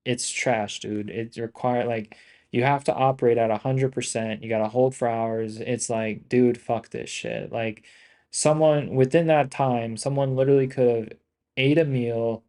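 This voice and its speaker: A man with a relaxed, dark-toned voice of medium pitch talks to his livestream viewers as a day trader. His delivery is casual and slangy, full of swearing, and he rambles and circles back over the same complaints. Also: moderate pace. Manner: rambling, repetitive venting.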